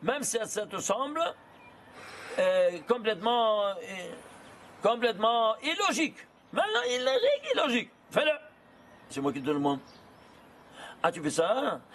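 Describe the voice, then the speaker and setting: A man giving an animated lesson, asking questions and answering them himself in rapid bursts. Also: high-pitched, a little hiss or hum. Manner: animated, asks and answers his own questions. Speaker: Torah teacher. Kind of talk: lively lesson on gematria.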